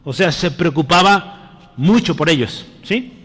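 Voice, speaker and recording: Man, interactive sermon, slightly raised pitch, long church-hall reverb. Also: animated, unhurried, a bit bright, husky. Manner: keeps checking in with the congregation, calling them brother. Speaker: preacher.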